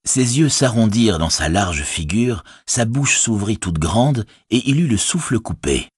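A man with a husky voice reading a story aloud as audiobook narrator. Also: on the low side, expressive, a little slow, dry recording, clean studio sound. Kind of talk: scripted narration.

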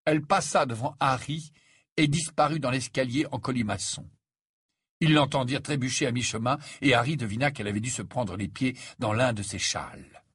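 A man narrating an audiobook in an expressive storytelling way. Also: medium pitch, fairly quick, breathy edge, dry recording, studio quality.

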